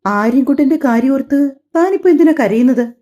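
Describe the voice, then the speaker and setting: A woman's voice: sits high, lively intonation, brisk, dark tone, voice pushed up. A woman voicing a stern young husband who talks in a curt, commanding way, in an audio drama recorded on slightly dull lo-fi audio. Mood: puzzled. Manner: curt, firm, scolding.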